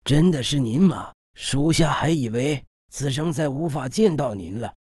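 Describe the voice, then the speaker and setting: A man voicing a devoted male subordinate who is dying, speaking hoarse, breathless and in broken phrases in an audiobook. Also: medium pitch, expressive, a little mellow, no room sound, studio quality. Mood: shaken. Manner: halting, broken-up speech.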